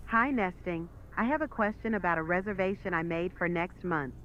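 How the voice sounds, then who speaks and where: A woman's voice: on the low side, brisk, a bit bright, close to an everyday voice. A woman playing a polite hotel guest phoning customer service in a scripted role-play dialogue. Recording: muffled lo-fi playback, clear background noise.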